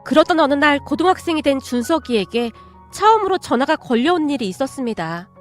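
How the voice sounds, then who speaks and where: High-voiced woman reading a radio story. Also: very animated, a little fast. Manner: gentle storytelling, first-person as a male teacher. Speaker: narrator. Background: faint music.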